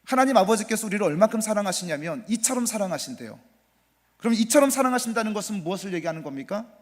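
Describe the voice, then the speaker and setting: Male pastor, emphatic sermon, somewhat high voice, long church reverb. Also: expressive, quick pace. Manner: emphatic preaching that swells loud then drops to soft, near-whispered asides; repeats phrases for emphasis and questions the congregation. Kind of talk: Sunday sermon. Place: church sanctuary.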